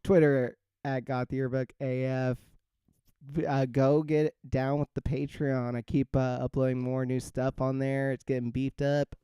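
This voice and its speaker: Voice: mid-range voice, little pitch movement, unhurried, warm tone, smooth, no echo, clean studio sound. A podcast host chatting casually, rambling through fillers and breaking into laughter.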